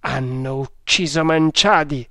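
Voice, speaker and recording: A man's voice: a little high, takes it slowly, bright, forceful tone, dry recording, studio quality, full character voice. A man voicing a Maratha servant who sounds alarmed and urgent in a storybook reading. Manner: urgent, raised, questioning.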